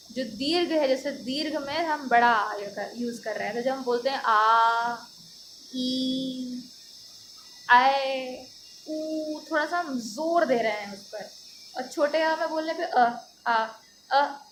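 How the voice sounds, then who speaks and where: Slow, high-voiced woman teaching grammar. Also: slight background noise. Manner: slow, explanatory, drawing out sounds to demonstrate; checks in with "ठीक है" often. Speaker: school Hindi teacher. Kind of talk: classroom grammar lesson.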